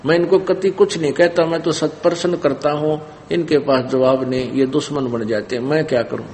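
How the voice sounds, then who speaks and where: A man voicing a calm, truthful young boy saint who explains himself earnestly. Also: a little high, moderate pace, long reverb tail, slight background noise, close to an everyday voice. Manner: earnest, gently defending himself.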